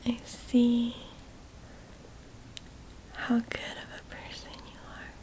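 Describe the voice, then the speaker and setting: A very slow, soft spa-like whisper in an ASMR whispered role-play. A woman plays an affectionate childhood best friend, tender and lightly teasing. The voice sits fairly high and soothes as it guides the listener to relax. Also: completely flat delivery, rough recording. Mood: soothing affection.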